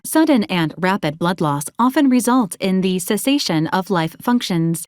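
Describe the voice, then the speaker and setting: A woman voices a polite, literal female robot assistant in a video game, delivering scripted lines as formal, clipped, deadpan announcements. Her natural, medium-pitched voice is captured in a clean studio recording with no room sound.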